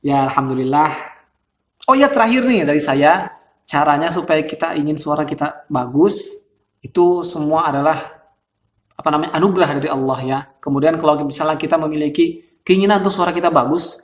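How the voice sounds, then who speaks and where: A male host with a slightly high voice talks fairly quickly and casually about vocal character, laughing often and using plenty of fillers. He describes his own voice as thin and reedy, and the recording has a roomy echo.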